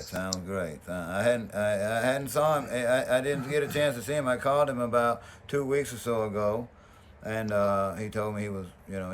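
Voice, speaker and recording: A middle-aged man from Louisiana, the brother of the deceased, talks casually on a phone call. His voice is fairly low-pitched, with a little hiss or hum on the line. He's laid-back and repeats words as he begins his thoughts.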